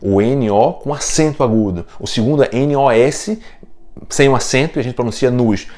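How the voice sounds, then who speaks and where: A man's voice: mid-range voice, moderate pace, a little mellow. A Brazilian man with a Brazilian Portuguese accent, teaching a casual French lesson, explaining step by step with small jokes.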